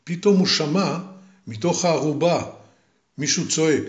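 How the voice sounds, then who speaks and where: A man's voice: on the high side, reverberant. Older grandfather telling a bedtime tale. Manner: slow, deliberate, with repetition. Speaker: grandfather storyteller. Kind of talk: storytelling to grandchildren.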